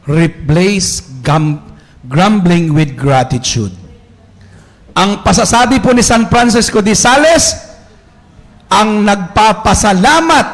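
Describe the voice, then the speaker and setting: Priest, higher male voice, slow chatty sermon delivery with acted-out quotes.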